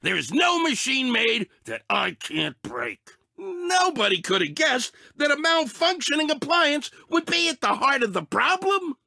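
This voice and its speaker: A man voicing Anger, a short-fused, sarcastic cartoon emotion in a video game, with a raspy, blustering, exasperated delivery. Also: very high-pitched, sing-song, measured pace, few pauses, bright, forceful tone, dry recording, clean studio sound, exaggerated voice. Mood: determined. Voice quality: raspy, gravelly, tense. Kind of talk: animated video game character acting.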